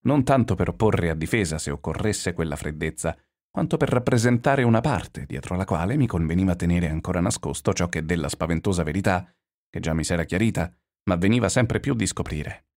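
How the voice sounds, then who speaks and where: A man with a very low, deep voice reads literary fiction aloud, measured and expressive. His narration turns inward and reflective, pacing each clause with care. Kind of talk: literary audiobook reading.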